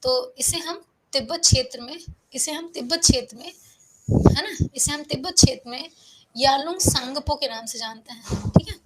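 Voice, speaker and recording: A woman teaching an online geography class, feeling unwell and low on energy, who explains step by step, asks her own questions and then answers them, and keeps checking in with her students. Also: normal speed, low-quality recording. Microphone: close microphone.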